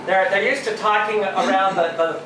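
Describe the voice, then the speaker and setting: In a small bar, a man performs a stand-up comedy set, doing chatty crowd work by talking with the audience and asking them questions. His voice sits high, with fairly even intonation at a moderate pace. The roomy recording, taken from far off, carries background noise of the crowd laughing and chatting.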